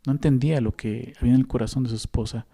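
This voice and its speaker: A man's voice: medium pitch, steady tone, very fast, creaky, mellow. A man with a Mexican accent preaching a sermon as a pastor, conversational and often adding tag questions to the listeners. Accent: Mexican Spanish.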